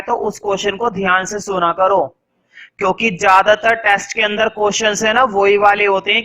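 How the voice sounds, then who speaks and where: A young male science teacher talks in a high, bright voice. He quizzes his students as he goes. He then slows right down to dictate notes word by word. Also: rough recording. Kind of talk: classroom lecture in Hindi with English dictation.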